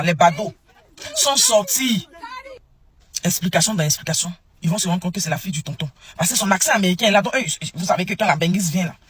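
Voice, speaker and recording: A man's voice: sits high, fairly bright tone, breathy edge, no echo. A man retelling a religious testimony in a dramatic way, speaking straight to his listeners and acting out the people he quotes. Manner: dramatic, acts out quoted voices, addresses listeners directly.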